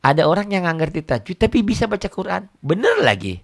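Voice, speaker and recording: A middle-aged man, teaching Quran reading in a casual, joking way, often repeating words and reciting verses slowly. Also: high voice, big pitch swings, creaky.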